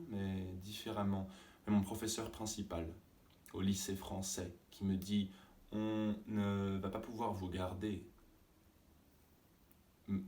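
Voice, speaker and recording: A male stage actor delivering a theatrical monologue as a fiery young man with a strong voice, his tone moving between measured recall and angry outbursts. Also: fairly low pitch, darkish tone, lightly acted. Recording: roomy stage sound from a distance.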